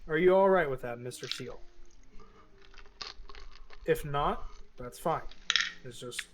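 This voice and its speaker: A man improvising as a tabletop game player, speaking casually in polite, halting phrases. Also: fairly high pitch, a little hiss or hum. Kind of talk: casual improvised role-play.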